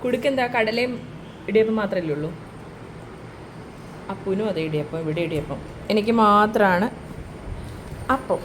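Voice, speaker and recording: A woman chats casually into her phone camera, narrating chores and errands. She often slips into a high, cooing baby voice when she talks to her pets. Steady background noise and household sounds run under her voice. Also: normal speed, pauses often. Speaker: vlogger.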